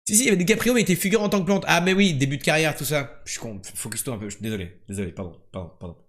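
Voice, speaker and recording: A young man streaming quiz games live, chatting casually and joking, jumping between loud bursts and low mumbles. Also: animated, racing.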